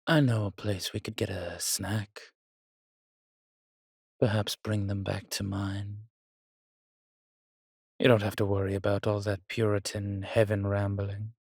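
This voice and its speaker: A man gives an exaggerated turn as a world-weary, darkly charming vampire, murmuring to a single listener like a fond protector in an intimate roleplay. His low voice moves very slowly through courtly, measured phrases with flat delivery, vocal fry, and a breathy edge, recorded close and dry without echo, the mood seductive and sly.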